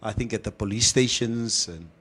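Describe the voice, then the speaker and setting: A man's voice: fairly low pitch, moderate pace, bright, forceful tone, slightly rough. A man hosting a casual, opinionated discussion, slipping in Afrikaans phrases. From South Africa. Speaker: talk show host.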